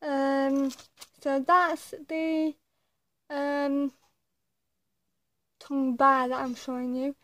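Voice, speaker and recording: A young woman with a tongue piercing chatting casually and hesitantly to the camera as a vlogger, pausing often between short phrases. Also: high-pitched, level tone, a bit bright, no room sound. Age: young adult. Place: small attic bedroom, indoors. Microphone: phone or webcam at arm's length.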